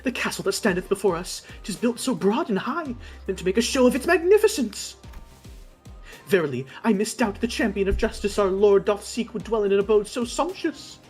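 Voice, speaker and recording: A reader voicing an excitable sheep girl who speaks in old-fashioned thee-and-thou phrasing. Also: mid-range voice, a little fast, slightly rough, faint music behind, voice pushed up. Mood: awed excited.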